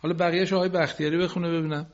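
A man teaching Quran recitation on a radio class, patiently correcting students and slowly modelling each phrase for them. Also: on the high side, little pitch movement. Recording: dull lo-fi broadcast recording.

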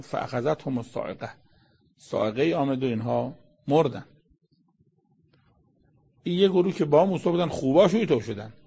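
Husky-voiced man giving a sermon. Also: medium pitch, a little mellow, dull audio. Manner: rhetorical questions, reciting Arabic verses then explaining them. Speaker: religious lecturer explaining Quran verses. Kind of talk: conversational sermon.

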